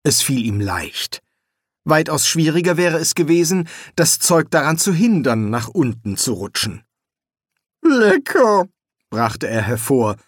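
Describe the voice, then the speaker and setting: A man narrating a fantasy audiobook in an expressive reading. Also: medium pitch, a little slow, no echo, clean studio sound. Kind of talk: scripted narration.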